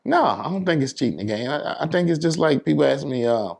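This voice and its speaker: An American DJ and entertainer talks casually in an interview, explaining things and often checking he's understood with "you know what I'm saying." His voice is on the high side and darkish, with vocal fry, and his delivery is brisk and expressive.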